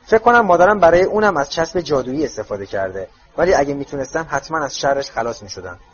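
A cold, curt master of the house, as a man reads him, giving orders in a slightly raised, clipped voice. He speaks firmly with no warmth. The audio is dull and lo-fi. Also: on the high side, expressive, breathy edge. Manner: cold and commanding.

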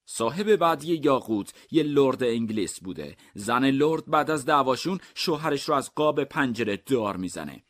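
A man narrating comic mystery stories in a deadpan, even storytelling manner. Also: mid-range voice, hardly any pauses.

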